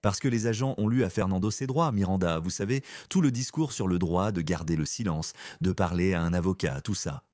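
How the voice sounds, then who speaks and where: A man giving a scripted voice-over narration in an even, explanatory way. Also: low-pitched, fairly quick, few pauses, no room sound, clean studio sound.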